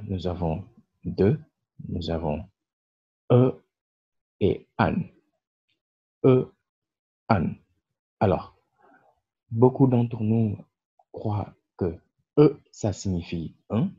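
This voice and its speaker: A man's voice: on the low side, animated, drawn-out words, pauses often, mellow, breathy edge. A man, the creator of the channel, explaining English articles in a patient grammar lesson with frequent fillers. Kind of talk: French-language grammar lesson. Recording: dull lo-fi sound.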